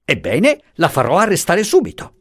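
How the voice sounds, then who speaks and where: A man's voice: high voice, wildly swooping pitch, normal speed, slightly rough, voice pushed up, full character voice. A man reading aloud and voicing an insolent male police commissioner who barks brusque, threatening orders. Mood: bullying contempt.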